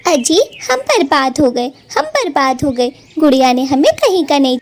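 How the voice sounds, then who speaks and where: Woman doing a meek little mama sparrow for a cartoon, polite and pleading, high voice. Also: sing-song, moderate pace. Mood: distressed. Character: meek poor mother sparrow. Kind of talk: Hindi cartoon voice acting.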